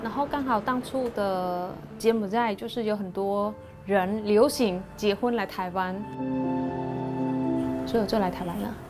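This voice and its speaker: A woman in her thirties from Cambodia, a university student, speaking softly and reflectively in a documentary interview. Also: mid-range voice. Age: 30s. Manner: soft, reflective, halting. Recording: clean documentary audio with music underneath. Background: soft background music.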